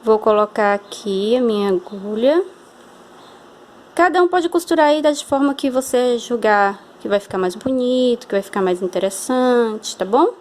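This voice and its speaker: A woman's voice: fairly high pitch, animated, normal speed, darkish tone. A Brazilian woman teaching a hand-sewing craft lesson, patient and step-by-step, often checking in with the viewer. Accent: Brazilian Portuguese. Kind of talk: hands-on sewing tutorial.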